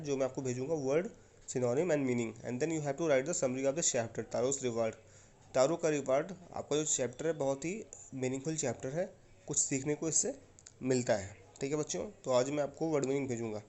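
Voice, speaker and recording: Indian man teaching an English lesson. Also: medium pitch. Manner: explains slowly and repeats, often asking "okay?". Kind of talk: online class lesson.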